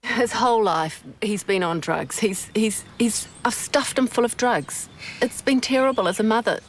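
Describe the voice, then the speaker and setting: Middle-aged New Zealand mum, emphatic heartfelt talk, outdoors, faint hiss. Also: female voice, fairly high pitch, normal speed. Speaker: mother of a patient.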